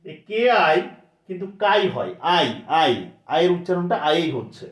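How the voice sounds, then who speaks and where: A man teaching a lesson in a fairly high voice. He repeats sounds again and again and asks himself questions. The room gives a clear echo. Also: big pitch swings. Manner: repeats sounds slowly, asks and answers his own questions. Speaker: English teacher. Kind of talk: classroom lesson. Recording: roomy echo.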